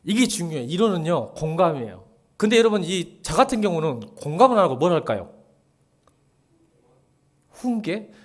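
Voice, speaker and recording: A man's voice: on the high side, very animated, moderate pace, long pauses. A middle-aged male pastor giving a casual sermon, chatty and joking, who acts out dialogue and often drops to a murmur.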